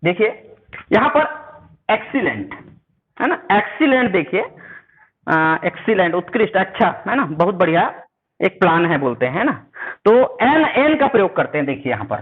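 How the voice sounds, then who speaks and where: A man teaching English grammar in Hindi, often pausing to ask whether the listener follows and slowly repeating example words. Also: high voice, big pitch swings. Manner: spells out sounds and example sentences while writing. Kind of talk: spoken classroom lesson. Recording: narrow phone-like audio.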